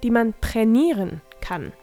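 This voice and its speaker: A woman's voice: a little high, sing-song, unhurried, vocal fry, warm tone, faint music behind, heavily acted. Woman reading a proud old creature gardener. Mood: proud fussy.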